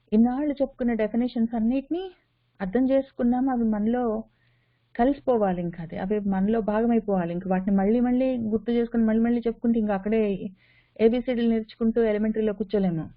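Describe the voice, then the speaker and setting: A woman's voice: fairly high pitch, steady tone, fast. A woman teaching a Sanskrit scripture in a spoken lecture, repeating phrases for emphasis and mixing in English words. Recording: tinny phone-line audio.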